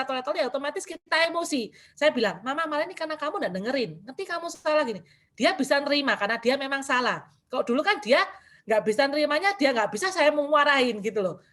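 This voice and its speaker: Woman, middle-aged, church testimony, candid, casual, slightly high voice. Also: a bit bright. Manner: candid, conversational, with frequent casual fillers. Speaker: church member giving testimony. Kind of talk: personal testimony sharing.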